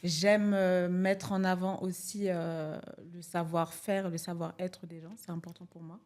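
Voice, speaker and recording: A woman's voice: fairly low pitch, level tone, unhurried, a little mellow. A middle-aged woman from France, speaking as a podcast guest, hesitant and full of fillers. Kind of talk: casual podcast conversation.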